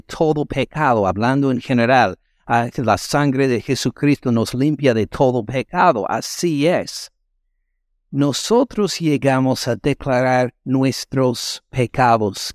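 A man's voice: on the high side, no echo, clean studio sound. A man preaching a sermon as a pastor, speaking emphatically and asking the congregation rhetorical questions. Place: church.

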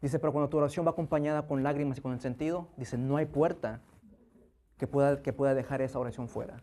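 A man preaching a sermon, talking in halting bursts with many restarts and frequent rhetorical questions, and acting out heartfelt prayers. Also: medium pitch, steady tone, mellow. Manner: acts out prayers with rising intensity.

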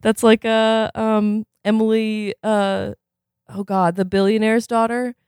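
A man's voice: high voice, little pitch movement, slow, darkish tone, clear, resonant tone, no room sound, clean studio sound. A man, as a podcast host, reads a novel aloud expressively and then breaks off for casual chat full of fillers.

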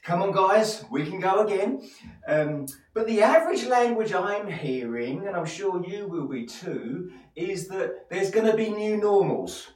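A man's voice: high voice, very animated, unhurried. A man from Essex with an Essex accent giving an encouraging motivational sermon as a pastor, speaking straight to listeners with rhetorical questions and repeated phrases. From Essex, England. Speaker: church pastor. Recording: echoey room, distant microphone.

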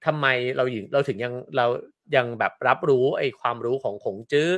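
A man's voice: medium pitch, a little fast. A man hosting a casual talk, recapping points and checking that he has understood. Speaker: host. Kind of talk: casual podcast chat.

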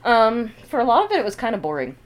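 A woman co-hosting a casual podcast, dropping dry deadpan asides. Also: a little high, quick pace. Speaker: podcast co-host.

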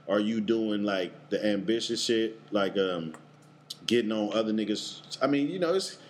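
A man's voice: fairly low pitch, moderate pace, a little hiss or hum. Slangy Bay man hosting an interview. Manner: loose, slangy, lots of back-channel affirmations. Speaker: podcast host. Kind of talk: casual interview chat.

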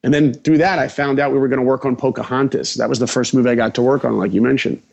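A man from New York, a guest animator, telling his story with lively acted-out dialogue. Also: mid-range voice, fast talker, vocal fry, muffled recording.

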